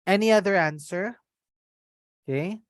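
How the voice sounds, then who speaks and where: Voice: medium pitch, a little slow, clean tone, no room sound, clean studio sound. A Filipino trainer, a native Tagalog speaker, leads an interactive online lesson, switching between Tagalog and English mid-sentence and often checking in with short tag questions. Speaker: trainer leading an online customer service course.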